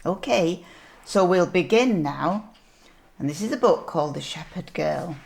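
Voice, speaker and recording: A sweet grandmotherly older woman reading a picture book aloud to young children, gently pointing things out as she goes. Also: on the low side, animated, vocal fry. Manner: slow, deliberate storytelling with asides.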